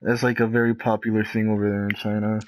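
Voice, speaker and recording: A man cohosting a late-night chat with friends, joking, teasing and quick to laugh. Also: fairly low pitch, flat delivery, crowd noise, poor audio. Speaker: podcast co-host.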